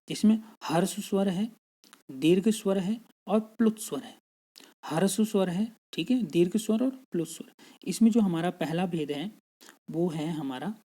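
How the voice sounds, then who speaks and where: A man teaching a grammar lesson in a patient, steady way, going over each point more than once. His voice is dark and mellow. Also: high-pitched. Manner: patient, repeats points, frequent "theek hai" check-ins.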